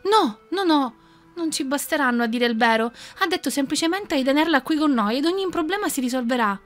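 A woman voicing a desperate, poor mother of ten who pleads in a high, breathless voice. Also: lively intonation, fairly quick, a bit bright. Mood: insistent.

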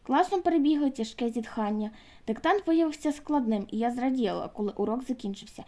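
A woman reading a children's book aloud, expressive and lightly voicing the characters. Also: a little high, a little fast. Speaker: audiobook reader.

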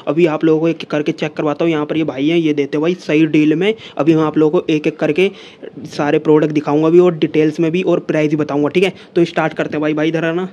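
Chatting to his phone in a small room before moving to a seller's home, this young man talks quickly in a slightly high, level, darkish voice. The sound is lo-fi, and his casual vlog talk keeps circling back to the same fillers.

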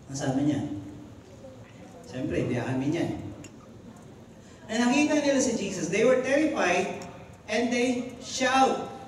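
A man delivers an animated sermon, his voice pitched high and full of energy. It is recorded from far back in the congregation, so it rings with the long reverb of a big hall. A faint hiss of room noise sits underneath. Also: measured pace, long pauses. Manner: animated preaching, switching between Tagalog and English. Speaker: pastor. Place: church hall. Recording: echoey hall, far from mic.

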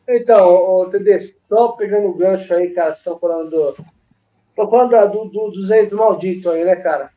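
A man's voice: high-pitched, brisk, dark tone. A man on a remote phone call, his phone held away from his mouth so he sounds echoey, rambling in casual football chat. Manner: rambling, fills talk with "cara" and "né". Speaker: football talk show panelist. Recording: dull lo-fi phone audio, faint music.

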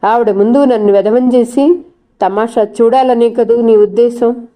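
A woman's voice: a little high, fairly even intonation, unhurried, dark tone, lightly acted. Woman reading a coldly furious young husband. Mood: restrained anger. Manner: cold, controlled fury. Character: angry young husband, barely holding back rage.

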